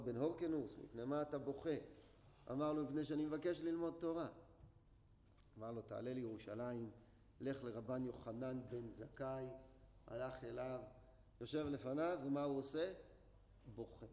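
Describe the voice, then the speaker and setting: A man with a medium-pitched, dark-toned voice teaches a Torah class to a group as a religious lecture. He tells a story and asks his listeners questions, recorded in an echoey hall with faint noise.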